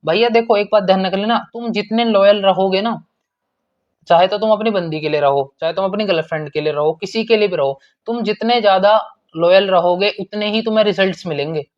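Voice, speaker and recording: A man's voice: high voice, brisk, highs cut off. A man teaching an online exam-prep lesson in a casual, repetitive way, calling students brother and checking in often.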